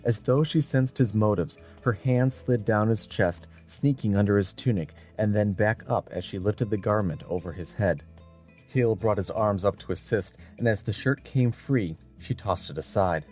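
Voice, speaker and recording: Delivering a dramatic audiobook at a moderate pace, the male narrator has a very deep, darkish voice. His scripted storytelling comes with faint background music.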